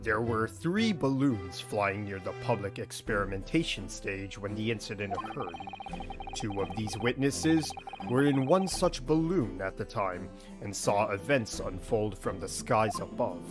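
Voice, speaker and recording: A man voicing a stern male court official in a low, growly, measured and formal voice. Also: lively intonation, over music. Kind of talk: game dialogue read-along.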